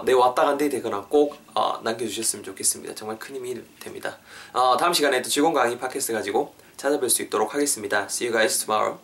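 A man hosting a casual podcast lesson. He is chatty, fills his talk with fillers, and repeats and spells out phrases. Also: medium pitch. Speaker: English teacher and podcast host.

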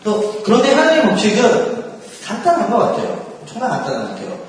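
A man's voice: very high voice, wildly swooping pitch, fast talker. A man giving a casual faith talk to a group, often laughing and acting out quoted prayers and thoughts. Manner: laughs often while talking. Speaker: speaker at a church gathering. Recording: echoey hall from far off.

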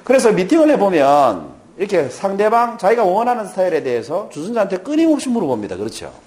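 A man's voice: high-pitched, huge pitch swings, fast, a little mellow. A middle-aged man giving a lecture, playful and joking as he quizzes his audience. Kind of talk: lively lecture with audience questions.

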